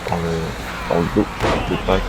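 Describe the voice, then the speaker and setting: A man working as a wrestling co-commentator, adding measured remarks on the action. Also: deep voice, flat delivery, over loud music, poor audio.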